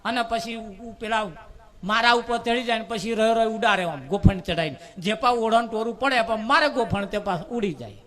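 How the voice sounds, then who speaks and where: High, bright storyteller. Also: male voice. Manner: lively storytelling with drawn-out word repetition. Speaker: devotional storyteller at a bhajan gathering. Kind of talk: humorous spoken parable.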